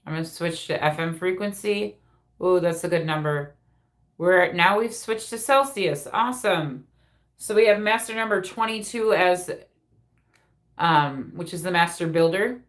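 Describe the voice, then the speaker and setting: Female live-stream medium, informal and viewer-directed, voice a bit lower than most women. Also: unhurried. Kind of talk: casual live spirit reading.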